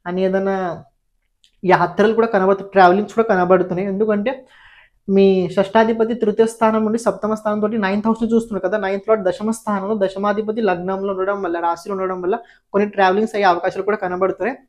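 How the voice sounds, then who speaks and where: A woman's voice: mid-range voice, level tone, rapid-fire, a little mellow. A woman astrologer giving a horoscope forecast, explaining planetary positions and giving viewers direct advice, often repeating key phrases for emphasis.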